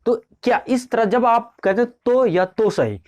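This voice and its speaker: A man's voice: extremely high pitch, measured pace, darkish tone. A man from India teaching an English grammar lesson, explaining step by step and asking and answering his own questions. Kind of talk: casual classroom lesson.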